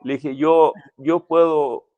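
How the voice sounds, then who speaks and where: A man, a pastor, telling his personal testimony in a halting, emotional way with many restarts. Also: fairly high pitch, fairly even intonation, no echo, narrow, tinny audio. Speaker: pastor, interview guest.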